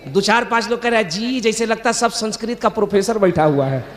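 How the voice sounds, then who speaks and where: A man giving a sermon to a crowd, telling stories with mocking humor and often shouting. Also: high voice, a little fast. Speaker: Islamic preacher.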